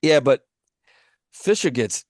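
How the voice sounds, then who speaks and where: Lively-voiced man in podcast banter. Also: medium pitch, slow pace, dry recording, studio quality. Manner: laughing, rambling, stop-start. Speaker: podcast co-host. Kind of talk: casual boxing chat.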